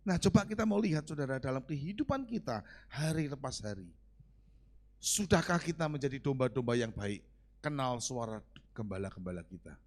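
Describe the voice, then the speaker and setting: A male pastor, preaching a conversational sermon. He keeps asking the congregation questions and moves between quiet asides and loud emphatic lines. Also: medium pitch, animated, moderate pace.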